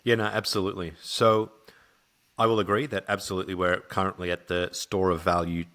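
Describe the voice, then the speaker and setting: Low-voiced guy on a podcast, musing out loud, lots of restarts. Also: flat delivery, brisk. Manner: thoughtful, hedging, with restarts. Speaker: podcast guest. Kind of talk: casual conversation.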